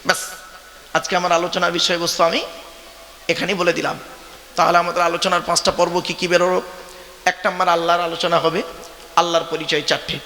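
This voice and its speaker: An Islamic preacher with a high, sharp voice delivers a sermon at a religious gathering, speaking conversationally and putting questions straight to the crowd. The big venue leaves a long reverb, and there is slight background noise.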